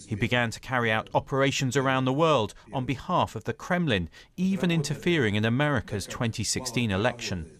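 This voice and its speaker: A male correspondent voices a scripted news package. His pitch is average for a man, and the delivery is that of broadcast report narration. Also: no echo, studio quality. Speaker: security correspondent.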